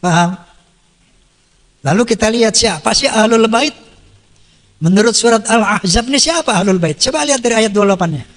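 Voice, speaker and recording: A man delivers a sermon in a high voice. He quotes scripture, translates it, and keeps putting rhetorical questions to his listeners. The sound carries a long hall reverb. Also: brisk, long pauses. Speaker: preacher.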